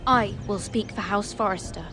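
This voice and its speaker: A woman's voice: mid-range voice, normal speed, music in the background, close to an everyday voice. A young woman acting a loyal, resolute noblewoman in a medieval fantasy video game, polite, sincere and direct. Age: young adult. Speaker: actor voicing a video game character. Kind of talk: dramatic video game dialogue.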